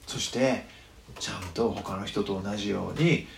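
A middle-aged pastor speaking in a western Japanese dialect, telling a story in a sermon, acting out voices and dropping from loud to hushed. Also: male voice, on the low side, moderate pace, vocal fry, slight background noise. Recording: roomy reverberant space.

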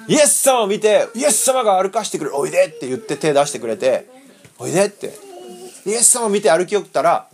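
A man giving a lively Bible lesson, acting out voices and quizzing his listeners. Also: high-pitched. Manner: animated, acts out voices, quizzes the audience. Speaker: pastor teaching children.

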